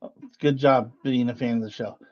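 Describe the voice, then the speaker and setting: A man's voice: mid-range voice, fairly even intonation, fairly quick, lo-fi sound. A man co-hosting a podcast, chatting casually and teasing his partner as he argues his view. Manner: teasing, argumentative. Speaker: podcast co-host. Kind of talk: casual chat.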